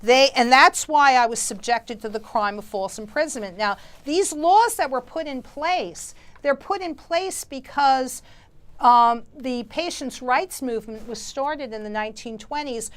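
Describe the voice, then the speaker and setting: A woman's voice: high voice, unhurried. A woman hosting a call-in talk show, speaking emphatically and insistently and repeating her points.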